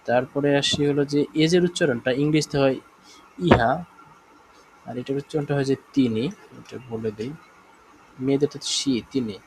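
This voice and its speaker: Teaching German live over the internet, this Bangladeshi Bengali-accented man explains things at an unhurried pace, repeats himself, and keeps checking whether the class understands. His voice is mid-range, and there's noise in the background.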